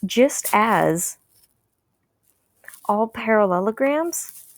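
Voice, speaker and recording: A woman's voice: fairly high pitch, expressive, very slow, no echo. A woman from Texas, teaching a recorded math lesson, patient and repeating key ideas to her viewers.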